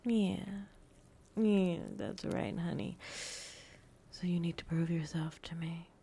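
A woman whispering a teasing, dominant audio roleplay in a breathy voice, with soft chuckles between phrases. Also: fairly low pitch, steady tone, takes it slowly, a little hiss or hum.

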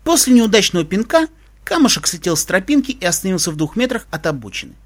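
A man narrating a story in an expressive, animated way. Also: high-pitched, quick pace.

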